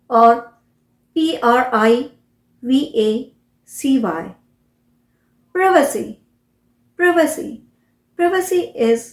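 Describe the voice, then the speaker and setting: Woman as an English pronunciation coach, unhurried and a touch high, spells words and repeats them, roomy echo. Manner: spells words letter by letter, repeats each word slowly. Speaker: English teacher. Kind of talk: pronunciation lesson.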